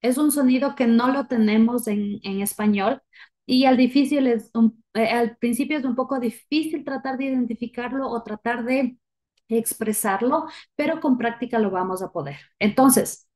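A woman teaching English vowel sounds in a patient spoken lesson, modelling each sound slowly for learners to repeat. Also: a little high, a little mellow. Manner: slow and deliberate, modelling sounds for repetition.

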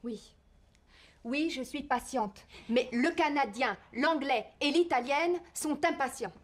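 High-pitched, exclamatory café owner. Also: female voice, slow pace. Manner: fussy, scolding, exclamatory. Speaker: café owner in a language-course drama. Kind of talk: scripted drama dialogue. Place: café, indoors and on a terrace.

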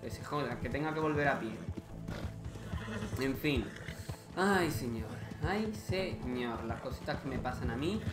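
A man's voice: mid-range voice, fairly even intonation, normal speed, pauses often, roomy sound, music in the background. A man from hosting casual let's-play commentary, talking straight to his viewers, exasperated and swearing often. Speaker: gaming video host.

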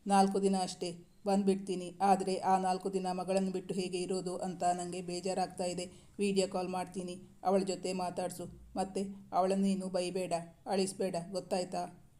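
A tender young husband in a storybook reading, coaxing and teasing his wife in a quiet, even voice, as a woman reader puts him on. The tone stays dark and mellow and barely rises or falls. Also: fairly low pitch, moderate pace, natural voice. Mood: apologetic.

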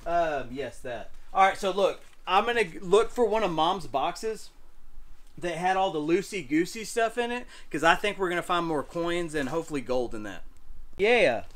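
A chatty man in his thirties with a Texan drawl and a slightly high voice, talking straight to camera. He rattles along excitedly, pointing things out with constant "y'all" and "look." A faint hiss sits under the recording. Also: moderate pace. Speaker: storage unit reseller vlogger. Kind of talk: casual chat to camera. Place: home room, then cluttered garage indoors.

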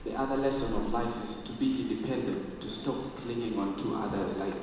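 A young man with a Ugandan accent speaks at a funeral, pausing often as he searches for words. His lowish voice rings through a roomy church hall, picked up from a distance with steady background hiss. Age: young adult. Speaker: grandson giving a eulogy. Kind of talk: funeral eulogy. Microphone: handheld mic. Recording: echoey church from far off.

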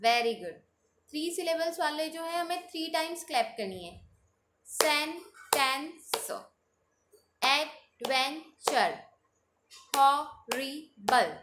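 A woman with an Indian accent teaching an online English class to young children, drilling words slowly one by one and asking her pupils many questions. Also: sits high, background noise.

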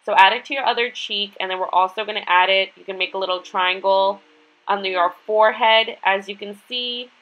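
A beauty vlogger in her twenties gives a casual makeup tutorial from a small indoor bedroom, her voice stuffed-up and whiny from being sick. She speaks briskly at a medium pitch with a steady tone, and the high frequencies are cut off.

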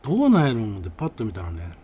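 A man's voice: fairly low pitch, rapid-fire, husky, muffled recording. A man with a Kansai accent telling a comic anecdote in a conversational way. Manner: animated, conversational.

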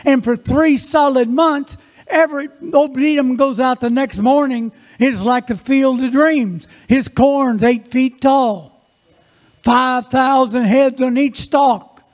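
A male preacher giving a sermon in church, telling Bible stories in a lively, folksy way with joking asides. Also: very high voice, slow pace. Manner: animated, folksy storytelling with asides. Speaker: guest preacher.

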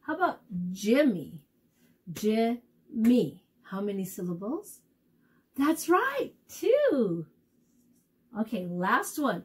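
A woman teaching young children at circle time, speaking in a slow, encouraging, sing-song way as she sounds out letters and claps syllables. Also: fairly high pitch, big pitch swings, slightly rough. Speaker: preschool teacher.

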